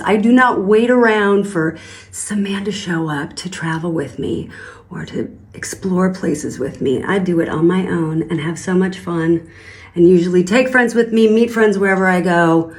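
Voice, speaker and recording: A woman in her fifties talking upbeat to camera, turning bossy and scolding. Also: mid-range voice. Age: 50s. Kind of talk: motivational talk to camera.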